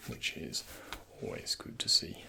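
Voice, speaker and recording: In an ASMR roleplay, a man plays a doctor and treats the listener as his patient, giving gentle, courteous, unhurried instructions close to the microphone. His voice is soft and breathy, often nearly a whisper, with background noise present.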